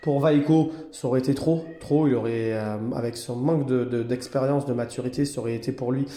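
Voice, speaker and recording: A man who runs a cat hotel, speaking casually to camera in an indoor cat room, cooing at the cats in a high sing-song voice and then explaining calmly to viewers. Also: a little fast, roomy sound. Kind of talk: casual vlog commentary.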